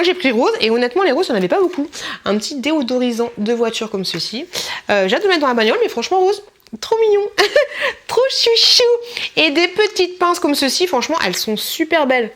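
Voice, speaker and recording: A young woman talks through her shopping finds in a casual vlog. Her voice sits a little high, and her delivery is chatty and gushing. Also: a bit bright. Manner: chatty and enthusiastic, gushing over items. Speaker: YouTuber showing shopping finds.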